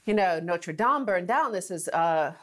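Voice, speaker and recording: A woman's voice: lively intonation, a little slow. A woman co-hosting a finance talk show, chatting and laughing lightly as she talks in a studio. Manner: chatty, laughs through lines, rising pitch for emphasis. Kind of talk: conversational studio commentary.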